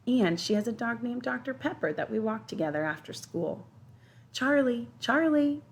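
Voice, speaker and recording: A woman teacher reading a children's novel aloud in a steady, expressive first-person storytelling voice. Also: on the high side, brisk, creaky. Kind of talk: children's audiobook narration.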